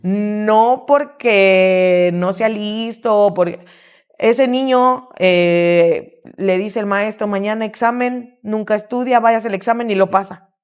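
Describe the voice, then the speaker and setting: Woman, interview guest, chatty and animated, voices her own quotes. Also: mid-range voice, slow, smooth. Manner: lively, quotes herself and her son. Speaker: guest, gymnastics coach and sports mom. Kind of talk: casual interview storytelling.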